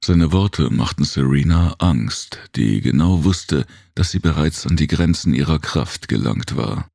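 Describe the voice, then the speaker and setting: A man reading a science fiction audiobook in measured scripted narration. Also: very deep voice, animated, vocal fry, darkish tone, no echo, clean studio sound. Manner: measured storytelling.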